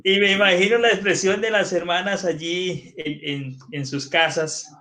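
A man's voice: high voice, fairly even intonation, moderate pace, pushed and bright. A male guest pastor giving engaging, sermon-like teaching, putting questions to the listeners. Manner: engaging, asks the audience questions.

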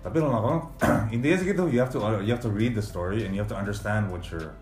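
A man's voice: fairly low pitch, fast, echoey room, music in the background. A news anchor man talking casually about his work, slipping English phrases into his speech and laughing often. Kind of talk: casual podcast interview.

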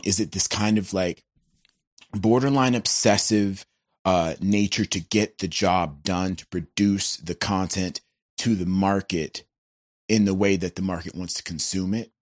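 A man's voice: low voice, no echo, clean studio sound. A man who is a guest musician, talking in an earnest, searching way on a podcast, casual with "bro" and "like".

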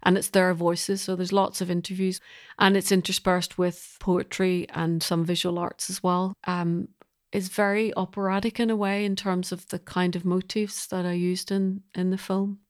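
This Belfast woman has a fairly low, even-toned voice and talks at a moderate pace. Appearing as an interview guest, she thoughtfully explains her work in an easy, reflective manner.

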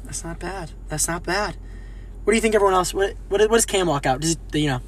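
A man's voice: sits high, brisk, slight background noise. A young man co-hosting a podcast, joking around and laughing through crude banter. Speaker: podcast co-host. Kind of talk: casual chat.

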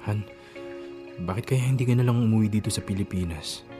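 A man's voice: on the low side, brisk, lightly acted. A man playing a loving, anxious husband and father in a radio drama, speaking in an earnest, coaxing, conversational way. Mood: disappointed, pleading. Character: loving, anxious Filipino husband and father, lonely for his wife. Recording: background music under the voice.

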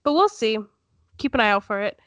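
Congested, higher-pitched woman chatting casually. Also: very animated, brisk, dry recording. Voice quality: congested, stuffy nose. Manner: giggly, rambling. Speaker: podcast co-host. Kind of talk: casual chat.

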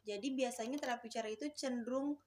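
A woman's voice: on the high side, fast, a little mellow, a little hiss or hum. A woman speech therapist, a guest on an interview show, explaining her work in a casual, hesitant way with many fillers and restarts.

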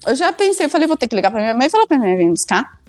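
A woman's voice: high voice, racing, no room sound, faint music behind. A young woman tells a funny story casually, acting out her own lines. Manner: animated, acts out her own past lines.

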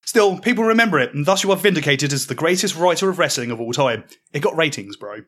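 A man telling a mocking comic story in the second person, with deadpan delivery. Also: fairly high pitch, quick pace. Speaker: podcast storyteller.

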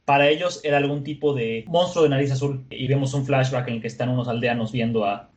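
A man casually retelling a comic chapter, lively, slangy, and laughing easily. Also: medium pitch, quick pace. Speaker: podcast co-host.

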